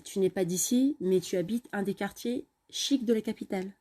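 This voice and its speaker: A woman doing a pushy young dude hitting on someone, casual, mellow low-key voice. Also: moderate pace, close to an everyday voice. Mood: persistent. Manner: casual, persistent. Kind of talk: storytelling voice acting.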